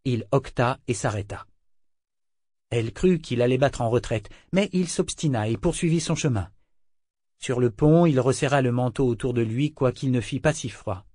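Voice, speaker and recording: A man reading a novel aloud as narrator, in a measured, even way. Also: medium pitch, no echo, studio quality. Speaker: audiobook narrator. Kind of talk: scripted narration.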